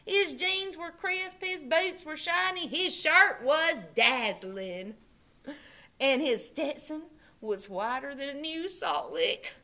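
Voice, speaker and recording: A woman librarian with a high-pitched voice reads a folksy Western picture book aloud to children. She takes it slowly, telling the story in an animated, folksy way.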